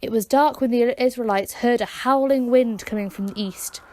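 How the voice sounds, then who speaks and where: A woman narrating a children's Bible story with dramatic, expressive delivery. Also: on the high side, normal speed, slight background noise.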